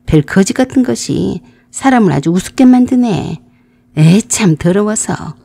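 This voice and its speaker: A woman voicing an arrogant middle-aged male boss who talks down slowly and with contempt. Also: medium pitch, lively intonation, vocal fry, warm tone, no room sound. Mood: contemptuous. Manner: slow, condescending.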